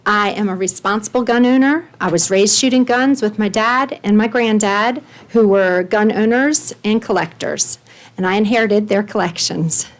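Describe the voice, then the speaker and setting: A woman's voice: medium pitch, normal speed. A woman reading her own prepared statement at a county board meeting, earnest and pleading, stressing her points in lists. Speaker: resident speaking at public comment.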